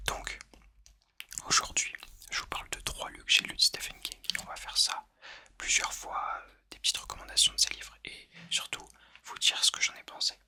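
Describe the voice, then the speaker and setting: A man speaking in a soft, unvoiced ASMR whisper, chatting informally and confidingly to the listener about recommendations. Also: normal speed. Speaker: ASMR video host.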